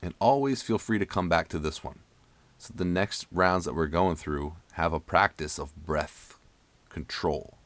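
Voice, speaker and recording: A man coaching a guided breathing session for an ice bath in a calm, soothing, instructional manner. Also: deep voice, unhurried, no echo. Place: voice-over with new-age music behind.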